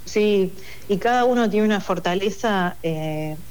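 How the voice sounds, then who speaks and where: A Buenos Aires woman, from Argentina, speaks at medium pitch and a somewhat slow pace, her tone darkish, clear and resonant. As a project coordinator in an interview conversation, she explains her project hesitantly in Buenos Aires Spanish, with many fillers and restarts.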